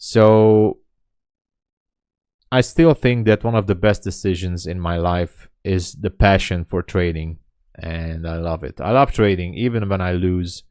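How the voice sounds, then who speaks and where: Speaking on his live trading broadcast, a man of about thirty-eight to thirty-nine keeps things casual, chatty and self-deprecatingly honest as he replies to viewer comments. The voice is low and deep, steady, slightly slow and slightly mellow, recorded dry and up close with nearly no echo.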